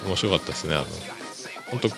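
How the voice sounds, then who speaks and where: Racing through a casual solo podcast, a man from Kyushu, Japan rambles easily and fills his talk with fillers. His voice sits low and sounds animated, with music playing clearly behind it.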